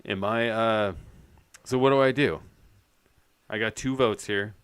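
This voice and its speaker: A man streaming a horror game live, joking and chatting with his viewers in a relaxed way. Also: lowish voice, unhurried, clean tone. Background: game music.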